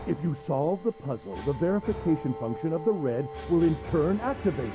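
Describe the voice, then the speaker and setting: A woman's voice: low-pitched, animated, fairly quick, music in the background, voice pushed down, low-quality recording. A woman voicing a smug, cruel middle-aged man villain in a pompous, mocking way while reading a visual novel aloud.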